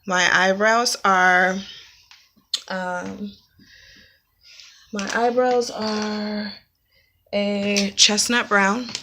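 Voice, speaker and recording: A woman's voice: medium pitch, fairly even intonation, extremely slow, long pauses, pushed and bright, slight background noise. A young woman giving a casual makeup tutorial, explaining each step plainly with frequent ums. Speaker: beauty vlogger. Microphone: camera mic, close-ups to the lens.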